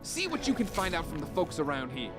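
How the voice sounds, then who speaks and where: A man's voice: on the high side, huge pitch swings, a little fast. A man voicing a cocky, grumbling talking duck hustler in a video game, with a wisecracking salesman's patter. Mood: scheming, indignant. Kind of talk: video game character dialogue. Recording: music behind the voice.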